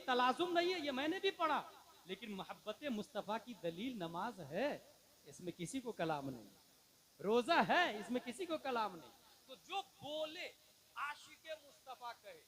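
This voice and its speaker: A man preaching a sermon, shifting from quiet talk to shouted, impassioned peaks and quick Arabic recitation. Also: extremely high pitch, low-quality recording. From India. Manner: breaks into rapid Arabic recitation. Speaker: Islamic preacher.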